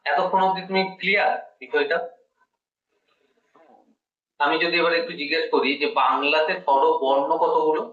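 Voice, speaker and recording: A man's voice: on the high side, fairly even intonation, moderate pace, long pauses. A man teaching Bengali grammar one-on-one, explaining step by step and quizzing his student. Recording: dull echoey room, mic at a distance.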